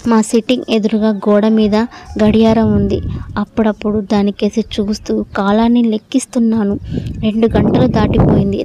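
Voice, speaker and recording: A woman reading a short story aloud in the first person, in a steady storytelling manner. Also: medium pitch, highs cut off, background noise. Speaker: story narrator.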